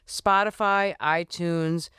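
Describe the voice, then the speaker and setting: Podcast host guy, upbeat, real smooth clear voice, a bit high, dry sound. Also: fairly even intonation, slow, pushed and bright, dry recording. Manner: upbeat, effusive thanks. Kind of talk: casual podcast chat.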